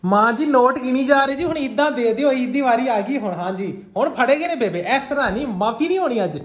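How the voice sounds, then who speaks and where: Man, Punjabi accent, young adult, quick chatty vlog talk, echoey room with faint noise. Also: extremely high pitch, expressive. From Pakistan. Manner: chatty, teasing, laughs often. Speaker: vlogger. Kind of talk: casual family vlog chat.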